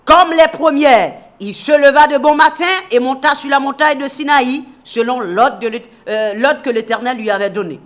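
High-voiced man preaching on television. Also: normal speed, few pauses. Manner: emphatic, swings between loud declaring and hushed low asides; reads scripture aloud and addresses viewers directly. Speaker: preacher teaching the Bible. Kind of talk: televised Bible teaching.

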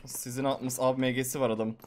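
A man giving live, excitable gameplay commentary as a gaming YouTuber, swearing and talking to his viewers. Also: mid-range voice, a little fast.

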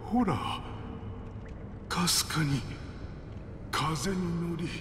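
An actor voicing a samurai drawn by faraway music, speaking formally and wistfully. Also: male voice, fairly high pitch, takes it slowly, background noise. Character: middle-aged male samurai entranced by distant music. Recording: echoey game audio, long reverb.

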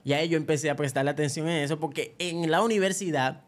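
A young adult Dominican man with a fairly high voice, chatting like a guest on a podcast. He tells stories with energy and acts out the voices of the people in them. He has a Dominican Spanish accent and does not pronounce the R. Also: quick pace. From Dominican Republic. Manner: animated storyteller who acts out quoted voices. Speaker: comedian guest. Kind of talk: casual podcast chat.

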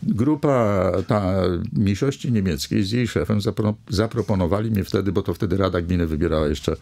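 An older man speaks as a studio guest on a radio interview. His voice sits low and carries a gravelly fry, and he talks in a rambling way, pausing often with fillers. The sound comes close through a desk microphone. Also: darkish tone. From Poland. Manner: rambling with many hesitations and fillers. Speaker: village mayor, guest.

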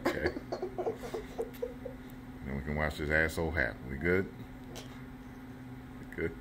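Very deep-voiced woman, casually teasing. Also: fairly even intonation, unhurried. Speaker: person filming. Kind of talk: casual teasing commentary to camera. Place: living room, indoors. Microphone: phone, held while filming. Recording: noisy home phone recording.

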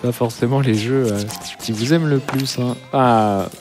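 A man calls a live speedrun, laying out how the game works in plain steps with a dry joke now and then. His voice sits at an ordinary middle pitch. Soft music plays faintly underneath. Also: normal speed. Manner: explains game rules with dry jokes. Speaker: speedrun commentator.

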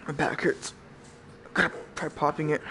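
A man's voice: a little high, fairly even intonation, normal speed, pushed and bright, slight background noise. A man live-streaming a horror game on a headset mic, reacting in a scared, jumpy way with goofy asides and mild swearing. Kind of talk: casual live-stream commentary while playing a horror game. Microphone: VR headset microphone.

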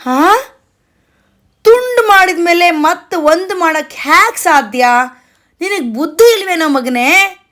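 A woman's voice: sits high, expressive, slow, pauses often. Woman doing a fussing, frustrated king. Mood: exasperated. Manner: coaxing, growing exasperated. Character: boastful emperor Akbar, a king playing father.

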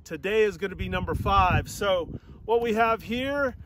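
A man's voice: sits high, normal speed, far from the mic, noisy background. A man in his forties, an upbeat vlog host and paraglider pilot, talking to a harness-mounted action camera in an open field. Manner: upbeat, enthusiastic, shouting to ground crew during launch. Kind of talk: casual outdoor vlog. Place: open grassy field outdoors.

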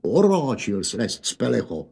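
A man voicing a gruff, irritable farmer father with a Hanák dialect, loud and scolding. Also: medium pitch, very animated, exaggerated voice. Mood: angry scolding.

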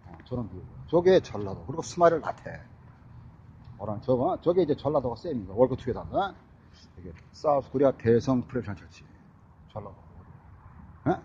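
A man's voice: medium pitch, sing-song, brisk, long pauses, a little mellow, dull audio, slight background noise. A man delivering a rambling, repetitive street monologue into a phone camera, scattering English phrases and grunted fillers through his speech. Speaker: vlogger. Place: outdoors on a city street.

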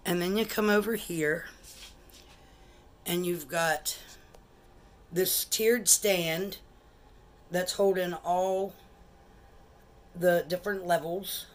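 In her home dining room, a collector walks viewers through her buffet table in a casual show-and-tell vlog shot on a handheld phone camera. Her voice sits on the low side with a steady tone, and she talks slowly, pausing often.

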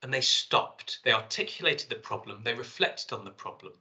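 A man's voice: medium pitch, expressive, normal speed, sharp tone, poor audio. A middle-aged man giving a seminar presentation, talking through his slides and reading his field notes aloud. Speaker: lecturer.

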